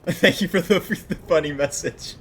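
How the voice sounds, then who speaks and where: A man's voice: a little high, normal speed, a bit bright, slight background noise. A man chatting casually on his game stream, joking and laughing often. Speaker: livestreaming speedrunner.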